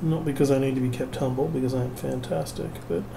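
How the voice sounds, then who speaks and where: A tired man who can't sleep rambles wryly and self-mockingly in a late-night video, building a kit at home and trailing off with fillers. His medium-pitched voice is steady with vocal fry and a quick pace, in a noisy home recording.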